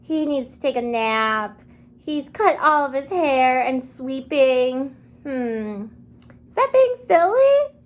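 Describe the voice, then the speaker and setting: Leading an interactive read-aloud, a woman kindergarten teacher speaks in a high register with big swings in pitch. She's expressive and encouraging, keeps her phrases simple, and asks questions, pausing for the children to respond.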